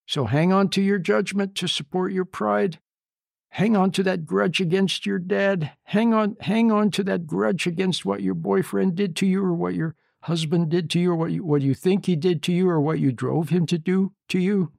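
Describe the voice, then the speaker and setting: A man giving an informal sermon, emphatic and repetitive, often checking in with a quick "See?". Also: high voice, fairly even intonation, vocal fry, darkish tone, no echo, clean studio sound. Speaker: preacher.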